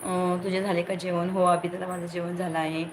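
A woman hosts a casual live stream, reading comments, greeting viewers by name and asking everyone to like the stream. Her voice is lowish and flat, moving fairly quickly, and the rough recording carries faint background noise.

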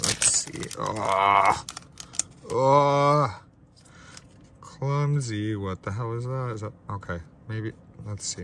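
A young man with a blocked nose rips open trading card packs and talks through it casually, unscripted and a bit self-mocking. His voice is low, and background noise is audible. He's filming in a small room with a ring light.

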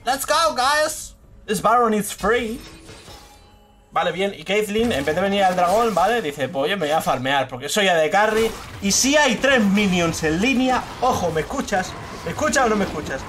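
A young man with a Spain Spanish accent giving live gameplay commentary, swearing freely and bursting into shouts at the big plays. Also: high voice, expressive, brisk, a little hiss or hum. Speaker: streamer. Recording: game music clearly behind the voice.

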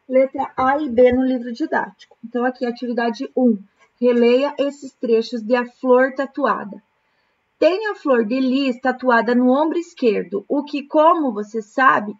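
A woman from Brazil, a primary school teacher, correcting exercises in a remote lesson, explaining words slowly, syllable by syllable. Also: a little high, dull audio. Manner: slow, patient, syllable-by-syllable explanation.

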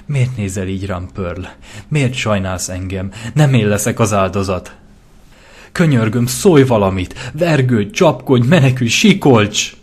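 A man voicing an emotional young female green unicorn torn between love and friendship, in an audio fanfiction reading. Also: deep voice. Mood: desperate. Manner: emotional, anguished.

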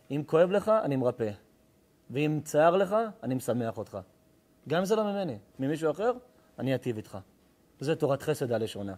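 A middle-aged man, a rabbi, preaching a sermon. He swings from loud, emphatic declaiming to hushed, intense storytelling. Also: on the high side.

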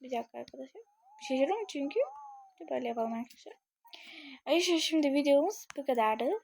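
A woman's voice: high voice, animated, fast talker, creaky, a little mellow, slight background noise. A young woman casually commenting on a game she is playing, chatting to her viewers and thinking aloud as she goes. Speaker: gaming channel creator.

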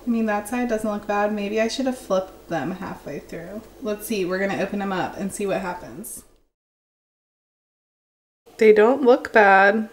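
A woman's voice: mid-range voice, a little hiss or hum. A young woman chatting casually through a bake-along vlog in her home kitchen, thinking aloud and poking fun at herself. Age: young adult. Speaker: lifestyle vlogger. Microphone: camera at close range.

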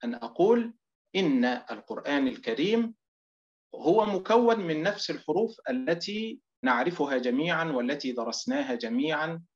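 A man's voice: on the high side, lively intonation. Man teaching recitation over muffled audio. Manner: explains step by step, stretches out example words slowly. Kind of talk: online recitation lesson.

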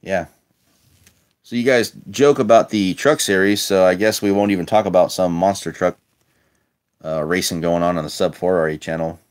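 Speaking in a low, steady voice at normal speed, a man casually comments as he unboxes many old toy cars. The toy collector vlogger films close up with a handheld phone at an indoor table, chatty and wry, muttering asides.

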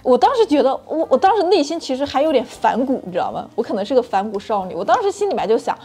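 A woman hosting her own channel, telling a frank personal story in an animated, chatty way with many restarts. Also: sits high, fast talker, breathy edge. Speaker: channel host sharing personal experience.

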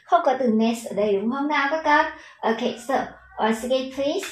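A woman with a Vietnamese accent teaches children English pronunciation, patiently encouraging them and stretching out the model words. Her voice is high-pitched at a moderate pace, in a rough recording with an echoey room.

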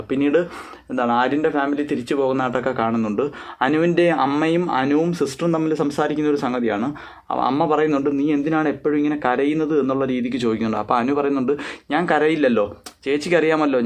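A man casually recapping a reality show episode, rambling along with frequent fillers and repeated reporting phrases. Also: a little high.

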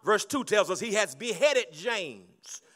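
A middle-aged man preaching a sermon on a handheld mic in a large banquet hall, moving between hushed storytelling and loud shouting. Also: sits high, lively intonation, a little slow. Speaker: pastor.

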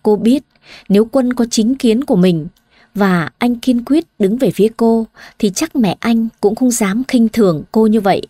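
Woman reading a bedtime story, mellow tone, kinda high, dry close sound. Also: moderate pace, no echo. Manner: calm, even. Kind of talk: scripted story narration.

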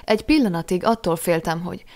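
A woman voicing a caring teenage boy who speaks gently and with concern, in an audiobook. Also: fairly low pitch, expressive. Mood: relieved.

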